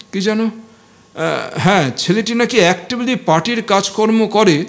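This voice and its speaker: A man voicing an affected young male student who chews his words, leaning on each one and then letting it drop. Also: sits high.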